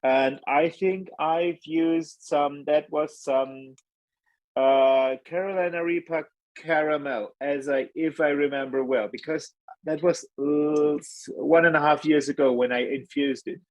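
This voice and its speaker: A man, a hot sauce maker and guest, talking hesitantly with many pauses. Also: a little high, fairly even intonation, a little mellow, no echo, low-quality recording. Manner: hesitant, many ums, modest. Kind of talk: casual chat.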